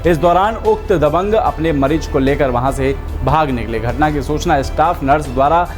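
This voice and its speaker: A man reading a scripted news bulletin in a formal, steady anchor style, recorded as a studio voice-over. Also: fairly high pitch, normal speed. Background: faint background music.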